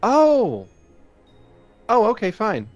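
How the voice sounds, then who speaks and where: A man's voice: fairly high pitch, big pitch swings, quick pace, fairly bright tone, dull audio, soft background music, pitched above the performer's own voice. A man voicing a forgetful, scatterbrained young noblewoman who talks in a flustered, abrupt way.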